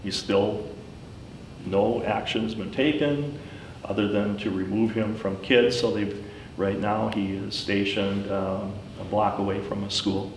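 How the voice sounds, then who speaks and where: A middle-aged man giving a personal account in informal talk, speaking haltingly and pausing often mid-sentence. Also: steady tone. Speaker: school superintendent, former teacher. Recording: roomy, distant mic, faint rumbling noise.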